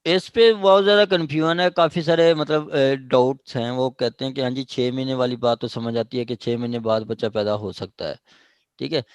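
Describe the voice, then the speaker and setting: A man with a Pakistani accent lectures on law, reading out statutes and explaining them as he code-switches between Urdu and English, with frequent check phrases. His mid-range voice is clear and resonant, though his delivery is flat, and he speaks at normal speed. There's no echo.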